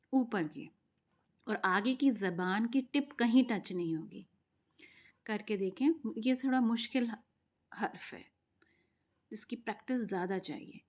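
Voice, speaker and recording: A woman's voice: mid-range voice, darkish tone. A woman teaching a spoken lesson on Quran recitation, patiently explaining step by step and stretching out the sounds she demonstrates.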